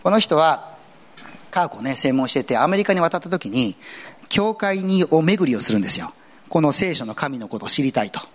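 Lively, slightly high-voiced man preaching. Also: normal speed. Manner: earnest, conversational preaching with lively swings in pitch; casual asides and everyday phrasing mixed into the sermon. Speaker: pastor. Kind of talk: sermon.

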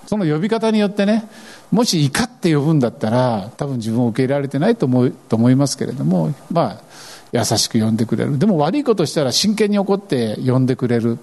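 Animated preacher with a warm, lively voice. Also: male voice, medium pitch, quick pace. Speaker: pastor. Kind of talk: sermon.

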